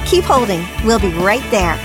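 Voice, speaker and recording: A woman's voice: mid-range voice, big pitch swings, moderate pace, loud music behind the voice. A woman reading a recorded phone greeting in an upbeat, promotional way. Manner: upbeat, chirpy promotional delivery.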